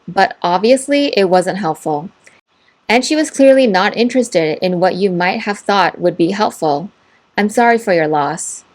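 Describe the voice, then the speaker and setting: Woman narrator reading posts steadily. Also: mid-range voice. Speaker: story narrator. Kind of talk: reading online posts and comments aloud.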